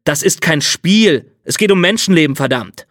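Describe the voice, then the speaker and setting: A man's voice: a little high, expressive, moderate pace, a bit bright, no room sound, studio quality. A man voicing a cold, insistent middle-aged state official in an audiobook reading. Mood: angry.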